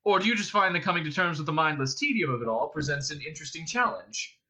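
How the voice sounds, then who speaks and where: A man voicing a quick-witted male traveller in a story reading, exasperated and slyly persuasive. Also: fairly high pitch, lively intonation, sharp tone. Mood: coaxing.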